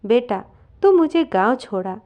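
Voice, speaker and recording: A woman reading the lines of an angry, stubborn older mother-in-law in a curt, scolding way, at a slow storyteller's pace. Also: on the high side, big pitch swings, dark tone.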